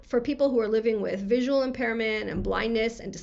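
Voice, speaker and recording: An American woman giving a recorded conference talk, friendly and quick-talking, her voice scratchy from a cold. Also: fairly high pitch, vocal fry, a little mellow, lo-fi sound. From USA. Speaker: conference speaker. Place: home room lined with books.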